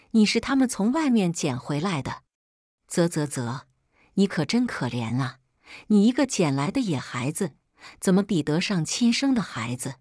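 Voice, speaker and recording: A woman voicing a spiteful, shrill middle-aged mother with a mocking way of talking. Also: darkish tone, dry recording, studio quality. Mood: taunting.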